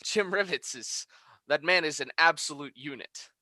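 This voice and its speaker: A man with a bright, fairly high voice co-hosts a casual review podcast. He laughs often and swears freely as he talks. The sound is dry and close. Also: normal speed, no echo. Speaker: podcast co-host.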